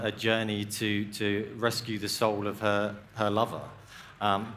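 A young man on a live event stage talks about his game in a measured, earnest way, with a few hesitations. His voice is somewhat low, and his headset mic carries faint ambience from the venue. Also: fairly bright tone, a little hiss or hum. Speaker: game developer panelist. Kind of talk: live stage panel discussion. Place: large indoor event stage.

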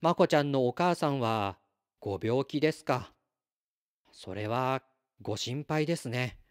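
A man's voice: mid-range voice, a little slow, natural voice. Kiras, a man doing a polite star boy. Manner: formal, courteous, calm. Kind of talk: storybook read-aloud.

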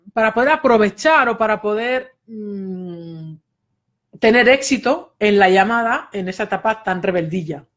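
Chatty woman, fairly high voice. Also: a bit bright. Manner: chatty, many fillers and "¿vale?" asides. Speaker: dog trainer. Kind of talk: casual spoken lesson to camera.

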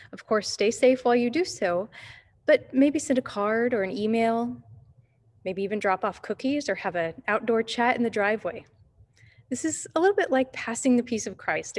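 A woman leading a short devotional talk from a pew in an empty church sanctuary, her voice echoing around the large room, speaking gently and asking reflective questions. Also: on the high side. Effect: echo of a large empty church sanctuary.

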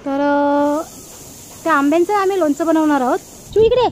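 Outdoors in a village yard beneath a coconut tree, a woman with an Agri Marathi accent from near Thane (Bhiwandi area, India) narrates a casual vlog while looking after a toddler, using a coaxing sing-song tone with the child. Her high-pitched, slightly mellow voice keeps a moderate pace, with slight background noise.

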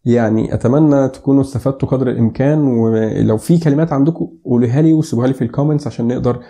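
Young Egyptian man, quick and playful lesson host, very dark mellow tone, drills each word slowly. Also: mid-range voice, vocal fry. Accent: Egyptian Arabic. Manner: joking, playful asides; repeats words slowly to demonstrate. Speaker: English pronunciation teacher. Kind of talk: casual video lesson.

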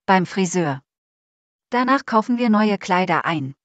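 An actress playing a self-willed female android assistant who talks in a calm, smooth, assured way. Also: mid-range voice, measured pace, no echo, muffled recording, lightly acted. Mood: cool, assured.

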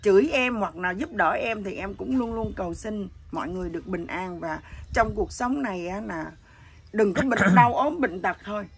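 A middle-aged woman with a husky voice that sounds neither male nor female, telling her story bluntly and with animation. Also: medium pitch, normal speed. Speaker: interviewee. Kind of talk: candid emotional chat.

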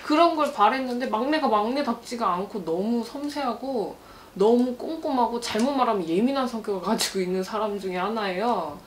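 A woman's voice: fairly high pitch, fairly quick, far from the mic. A woman fortune teller giving a reading, talking bluntly and mixing casual and polite speech as she relays what the spirits tell her. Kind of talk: fortune-telling consultation. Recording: echoey room with faint noise.

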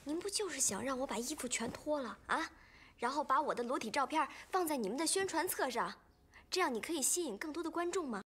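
Stubborn young actress. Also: female voice, high-pitched, animated, fast, a bit bright, slight background noise. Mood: accusing. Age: young adult. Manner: stubborn, defiant. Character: young newcomer actress refusing a scene. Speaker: newcomer actress. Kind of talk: film drama acting.

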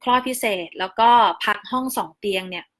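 A woman, a new mother, narrating a casual vlog voice-over in a chatty, polite way, calmly explaining practical details step by step. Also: medium pitch, a little fast. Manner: chatty and polite, often ending phrases with soft polite particles. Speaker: new mother sharing her hospital stay.

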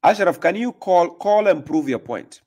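A man's voice: high voice, animated, normal speed, a little mellow, muffled recording. A man hosting a live call-in religious debate stream, pressing his caller with repeated questions. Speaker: livestream host. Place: small room indoors.

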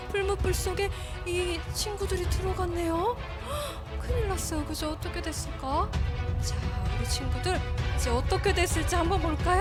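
Very high, animated woman telling a children's sermon. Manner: animated, gasping, dropping to whispers, questions to children. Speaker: preschool Sunday school teacher. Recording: echoey hall with faint music.

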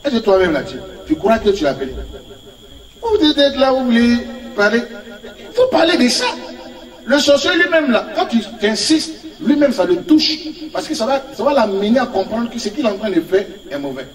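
A man preaches a sermon in a high, swooping voice, telling animated stories full of laughter and acted-out quotes. He is recorded in an echoey room, standing some distance from the microphone. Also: moderate pace. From Ivory Coast. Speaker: prophet preaching. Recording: echoey room, speaker off-mic.

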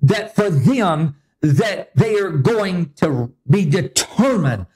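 Slow, high-voiced male preacher. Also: animated, a little mellow. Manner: slow, emphatic preaching with repetition. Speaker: pastor. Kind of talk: sermon.

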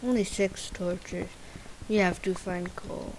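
A woman hosting a game channel, giving chatty let's play commentary that swings between muttered asides and sudden excited squeals. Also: mid-range voice, slow, background noise. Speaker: gaming channel host.

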